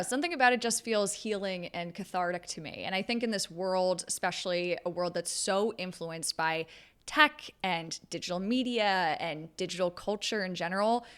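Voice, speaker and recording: A woman speaking as a video creator in a reflective, conversational commentary, pausing mid-phrase as she thinks. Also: mid-range voice, a bit bright. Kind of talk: reflective talking-to-camera commentary.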